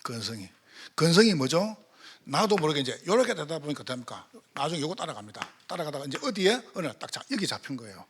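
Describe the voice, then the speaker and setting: A man's voice: fairly high pitch, sing-song, quick pace, a bit bright, slight background noise. A male pastor with a Gyeongsang accent, preaching a sermon in church and firing rhetorical questions at the congregation. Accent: Gyeongsang Korean. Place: church sanctuary.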